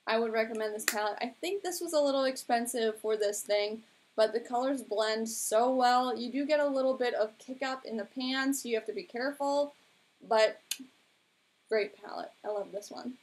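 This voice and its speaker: A woman's voice: on the high side, moderate pace, darkish tone. A young woman chatting casually on her own live stream, rambling along with lots of filler words. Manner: chatty and rambling, heavy use of "like". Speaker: beauty vlogger hosting a live stream. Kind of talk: casual live-stream chat about makeup.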